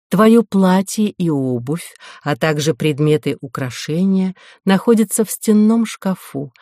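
A narrator voicing a soft, ingratiating voice that speaks from a spaceship cabin's ceiling, in a dry, close recording. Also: medium pitch, dry recording, natural voice. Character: soft, insinuating voice from a ship's ceiling.

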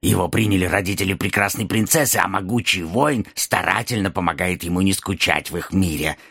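A husky, fawning dwarf servant. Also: male voice, low voice, fairly quick, a bit bright, no room sound, studio quality, full character voice. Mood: servile. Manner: servile, scheming, obsequious. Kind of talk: audiobook character reading.

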